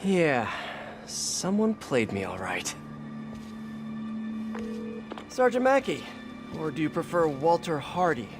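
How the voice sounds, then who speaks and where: A man's voice: fairly high pitch, very animated, measured pace, over music. An American man playing a quippy, earnest young superhero in a video game, talking in a wry, casual way. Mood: puzzled, exasperated. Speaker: video game lead character. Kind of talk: video game voice acting, conversational.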